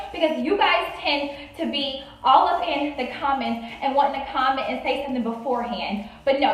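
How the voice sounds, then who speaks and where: A woman's voice: sits high, recorded from a distance. A woman beauty vlogger chatting casually through a makeup tutorial, talking to her viewers as "you guys". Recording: echoey room, voice off-mic.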